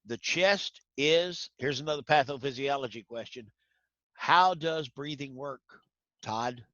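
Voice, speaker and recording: A man's voice: mid-range voice, measured pace, bright, forceful tone, no room sound, lo-fi sound. A man teaching an online class, folksy, quizzing students by name. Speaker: instructor.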